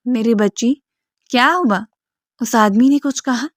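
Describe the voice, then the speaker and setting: A protective former soldier speaks to his daughter with gentle concern in a storybook reading, voiced by a woman. The voice is a touch high and dry. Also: dry recording, close to an everyday voice.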